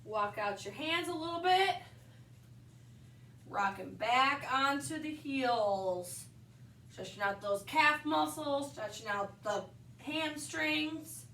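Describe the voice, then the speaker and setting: This fitness instructor is young, with a high, bright voice, lively intonation and a slight nasality from allergies. She demonstrates balance exercises while calling out moves, pausing briefly between upbeat cues. Her voice comes from far off via a tripod camera in an echoey indoor wellness room with a wood floor, with slight background noise.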